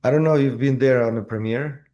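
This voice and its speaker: An actor with a Croatian accent tells his story as a guest in a casual interview. His mid-range voice has a dark tone, and he speaks haltingly, with many fillers and restarts.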